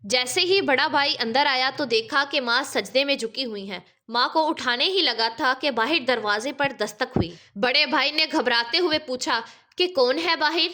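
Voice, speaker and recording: A woman's voice: sits high, pushed and bright. A woman narrating a religious story in an emotive, dramatic way.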